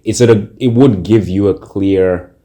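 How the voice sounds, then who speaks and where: A man from Zimbabwe co-hosting a casual podcast chat, relaxed and thoughtful, with frequent fillers. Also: fairly low pitch, a little slow. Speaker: podcast co-host.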